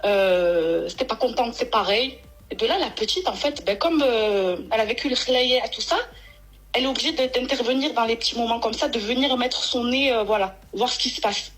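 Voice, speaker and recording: A woman's voice: on the high side, brisk, fairly bright tone, faint music behind, rough recording. A woman phoning in to tell a long personal story, rambling and emotional, with many restarts. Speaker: caller. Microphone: phone.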